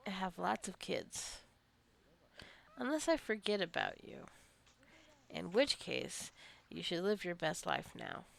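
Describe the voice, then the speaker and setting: A woman hosting a let's-play gives casual, rambling commentary on the gameplay, musing aloud to the game's characters. Her voice is creaky and fairly low.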